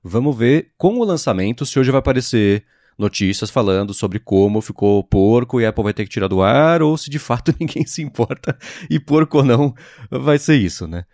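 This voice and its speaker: A man co-hosting a podcast, explaining things in a measured way in casual tech chat. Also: mid-range voice, lively intonation, a little mellow, no echo, clean studio sound. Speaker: podcast co-host.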